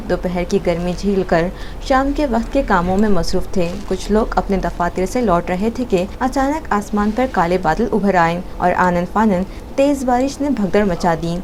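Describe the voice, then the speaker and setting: A woman newsreader with an Indian Urdu accent delivers a scripted bulletin in a formal, measured way. Her voice sits at an ordinary middle pitch, with a faint hiss under the read. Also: darkish tone. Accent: Urdu as spoken in India. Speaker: news anchor. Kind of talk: scripted news reading.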